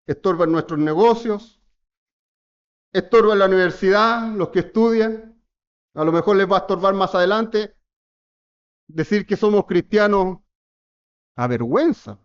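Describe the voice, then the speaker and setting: A man's voice: high voice, smooth, highs cut off. A man preaching a sermon in church, addressing the congregation with earnest rhetorical questions. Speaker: presbyter preaching.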